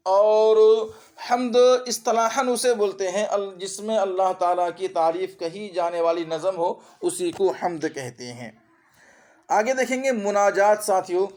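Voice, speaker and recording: High-voiced man teaching Urdu grammar. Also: a little mellow. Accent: Urdu, as spoken in India. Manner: explains by repeating terms and asking quick checking questions. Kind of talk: exam-prep grammar lesson.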